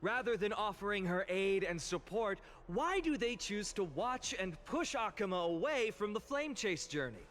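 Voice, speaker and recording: In dramatic video game voice acting, an impassioned young male orator addresses a citizens' assembly with a fervent, accusing speech. His high, bright voice swings widely in pitch at a moderate pace with few pauses, using emphatic, eloquent phrasing over some ambient noise.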